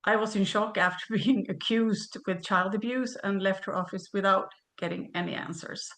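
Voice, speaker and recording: A woman in her fifties from Sweden, reading a prepared webinar presentation in a measured way over a video call. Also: mid-range voice, fairly even intonation, a bit bright.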